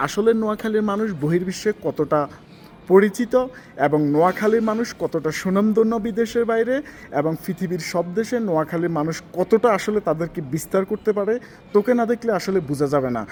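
High-voiced man interviewing on the street. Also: a little fast, a little mellow, slight background noise. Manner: mixes English words into Bengali questions.

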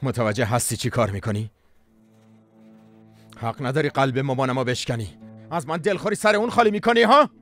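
A man's voice: mid-range voice, steady tone, pauses often, soft background music, close to an everyday voice. An actor dubbing a young husband caught between his wife and his mother, scolding and pleading in turns. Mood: tense. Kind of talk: Persian dubbing of a drama series.

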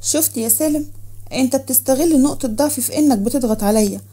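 Coy wheedling Egyptian young woman played by a female narrator, higher pitch, husky, fast. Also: mellow. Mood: coaxing.

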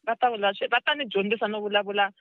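A woman's voice: mid-range voice, steady tone, rapid-fire, no room sound. A woman with a South African accent, a guest actress chatting casually, switching between English and Tsonga and repeating words as she starts a thought. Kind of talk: casual podcast chat. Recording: dull, dry podcast audio.

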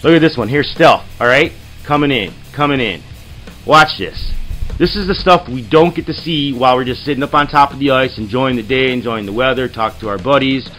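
A man narrates underwater fishing clips as the host of his own show, in a casual, rambling voice-over. He gets excitable as the action comes, leaning on fillers and restarts. Soft guitar music plays faintly underneath. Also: mid-range voice, a little fast. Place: studio voice-over, not the pictured lake.

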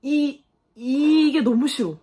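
A young woman hosts a reaction video to a dating show episode, exclaiming and laughing at the screen as she chats casually with her viewers. She has a high voice and takes her time.

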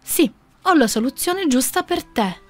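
A woman voicing a calm, kindly old male village sage who speaks with assurance. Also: high voice, measured pace, voice pushed up.

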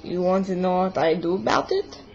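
The sound is lo-fi in this noisy home video, where a young woman plays a stubborn young Russian woman in a comic monologue. Her lowish, creaky voice has lively intonation and a brisk pace, and she complains indignantly and exaggeratedly in broken English with a fake Russian accent and dropped articles.

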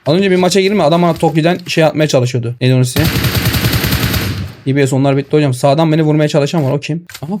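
A gaming streamer on a headset mic gives excitable live commentary over his own shooter gameplay, talking to viewers and shouting at enemies. His voice is a little high and very fast. The very noisy recording is full of game sounds and gunfire.

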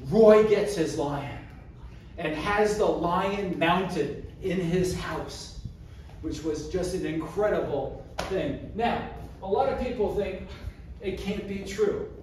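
A man giving an animated storytelling speech, acting out the scenes as he talks in a community hall. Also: sits high, slow, a little hiss or hum. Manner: animated, acts out scenes with gestures. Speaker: public speaker. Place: community hall, indoors, large room. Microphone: far camera, no mic. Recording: echoey hall from far off.

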